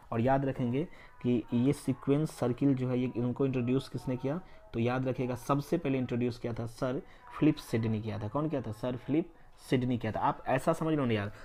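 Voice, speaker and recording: Warm and mid-range, a man's voice leads a literature lesson aimed at exam prep, switching between Hindi and English. He asks questions and answers them himself over and over, repeating points as quizzes and spelling words letter by letter.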